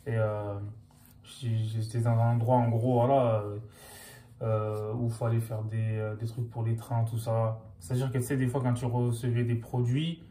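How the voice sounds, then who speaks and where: A man's voice: mid-range voice, level tone, moderate pace, dark tone. A young man, chatting casually to camera in loose, slangy speech full of fillers. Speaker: vlogger.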